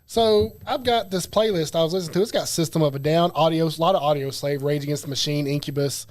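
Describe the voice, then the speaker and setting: High-voiced rambling male co-host. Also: darkish tone. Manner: rambling, jokey, quick to laugh. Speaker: podcast co-host. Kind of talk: casual chat. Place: studio.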